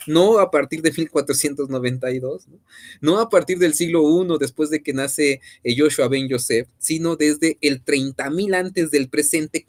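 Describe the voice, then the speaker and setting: A man with a Mexican accent teaching an online class, conversational and full of fillers and question tags. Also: a little high.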